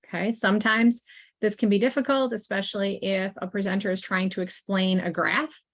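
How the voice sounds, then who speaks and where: An assistive technology consultant leads an online training through a computer mic, her mid-range voice fairly even in intonation. Her webinar delivery is friendly and informal, loose and conversational, peppered with small fillers and quick asides to listeners.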